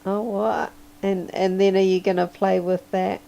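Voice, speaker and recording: Slow, gravelly, hoarse sleepy woman. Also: mid-range voice, level tone, warm tone, muffled recording. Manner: rambling, chuckles often. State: hoarse, losing her voice. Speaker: livestreaming digital artist. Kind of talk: casual livestream chat while drawing.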